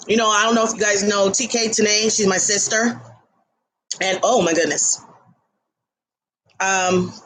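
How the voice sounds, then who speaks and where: A woman hosting a casual livestream from her home kitchen, chatting to viewers between bites, talking loudly toward a laptop mic across the room. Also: medium pitch, poor audio. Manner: chatty, eats while talking; talks loudly to carry to the laptop. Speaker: livestream host.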